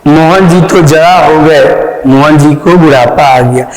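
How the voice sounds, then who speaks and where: Male teacher, slightly high voice, unhurried explanatory delivery, recorded in a boomy room with a long reverb tail. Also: crowd noise. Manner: explanatory, repeats key terms, addresses students. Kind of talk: Hindi grammar lesson. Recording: echoey hall.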